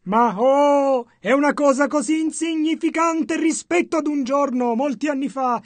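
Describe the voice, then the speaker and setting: A man reading a sermon translation as a measured voice-over. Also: extremely high pitch, no echo. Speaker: interpreter.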